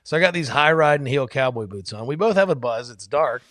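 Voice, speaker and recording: A man's voice: medium pitch, brisk, no room sound, clean studio sound. A man telling a rowdy bar story in casual chat, swearing freely and acting out what people said. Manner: animated, profane, acts out quotes. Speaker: podcast guest.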